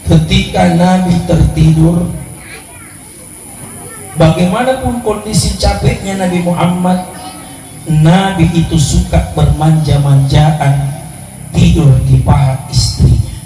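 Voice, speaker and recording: A man preaching a sermon to a congregation, emphatic, often repeating his address to the listeners and building to shouted points. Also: on the high side, takes it slowly, long pauses. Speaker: Islamic preacher. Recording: very echoey hall, distant mic, music behind.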